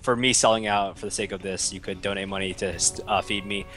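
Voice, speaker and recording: A young American man casts an esports match, tired and rambling, joking at his own expense. His voice is a bit low but bright and forward. Faint music plays behind him. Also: steady tone, a little fast. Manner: rambling, joking, self-mocking sarcasm. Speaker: esports caster. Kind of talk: casual esports commentary.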